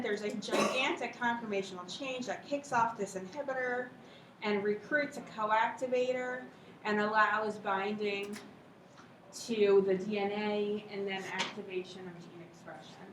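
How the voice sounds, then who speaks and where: A woman's voice: medium pitch, steady tone, unhurried. A woman professor giving an informal, conversational lecture in a lecture hall, checking in with her students. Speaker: university lecturer. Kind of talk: classroom lecture on cell biology with questions to students. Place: lecture hall or classroom, recorded from some way off. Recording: roomy echo, distant mic, faint noise.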